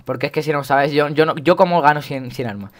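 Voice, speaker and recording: A young man from Spain with a Spain Spanish accent, jokey and excitable, commentating his gameplay and repeating words in quick bursts. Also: fairly high pitch. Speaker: gaming YouTuber.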